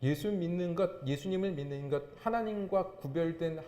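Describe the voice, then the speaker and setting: A man's voice: a little high, normal speed, warm tone. A man, a pastor, preaching a sermon with emphatic, rising and falling delivery. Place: church sanctuary. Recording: echoey church hall.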